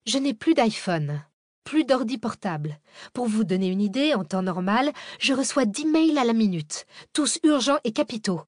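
A woman voicing a sharp, irritable young woman scientist who talks in a sarcastic, exasperated way. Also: on the high side, lively intonation, moderate pace, no echo, studio quality, pitched above the performer's own voice.

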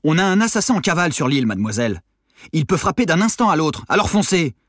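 A man's voice: mid-range voice, animated, fairly quick, dry recording, studio quality, close to an everyday voice. A man voicing an impatient, insistent male police commissioner in an audiobook reading. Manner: insistent, commanding.

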